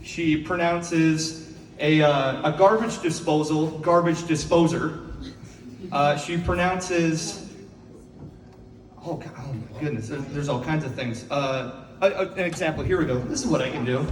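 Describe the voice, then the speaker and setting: A man's voice: a little high, a little slow, a little hiss or hum. A young man performing a stand-up set on a coffee shop stage, telling self-deprecating stories and laughing at his own jokes. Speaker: stand-up comedian. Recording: echoey coffee shop from far off. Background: audience laughing.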